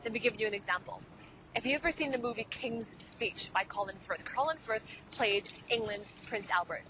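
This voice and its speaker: Her voice is on the high side and moves at a moderate pace, with background noise and music behind it. This Cantonese-speaking woman from Hong Kong earnestly teaches public speaking in a motivational video. Throughout, she asks the viewer lots of rhetorical questions.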